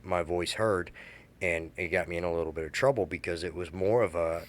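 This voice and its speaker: A man in his thirties telling a candid personal story, halting and emotional, with many restarts. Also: low-pitched, fairly even intonation.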